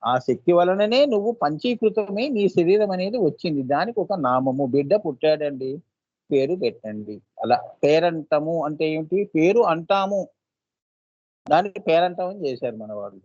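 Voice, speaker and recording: A man as a spiritual teacher giving a devotional discourse. He often asks his listeners "right?" and chants seed syllables slowly. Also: fairly high pitch, expressive, darkish tone, no room sound, dull audio.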